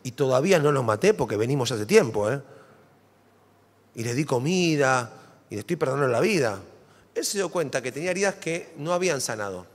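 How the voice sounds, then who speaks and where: A man with an Argentine accent preaching a sermon in a church, dramatic and animated, full of rhetorical questions. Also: high voice. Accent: Argentine Spanish. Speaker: pastor. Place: church sanctuary. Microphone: stage microphone. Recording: long church hall reverb.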